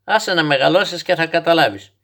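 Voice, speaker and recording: A stubborn, dreamy old grandfather from a storybook, as a man reads him, telling outlandish tales with calm, patient certainty. He is gently instructive and never flustered, as if every wild detail were plain fact. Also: a little high, voice pushed up.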